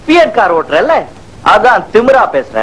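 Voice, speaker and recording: An actor playing an arrogant young rich man in a 1980s Tamil film, taunting with slow, drawn-out sneers. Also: high voice, very animated, fairly bright tone, husky, full character voice, rough recording. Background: film score music.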